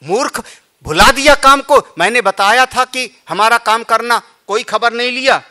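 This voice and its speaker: A man's voice: fairly high pitch, animated, unhurried, pushed and bright, breathy edge, heavily acted. A preacher acting out Lord Rama, a stern king. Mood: angry. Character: Lord Rama, divine king, angry then calming.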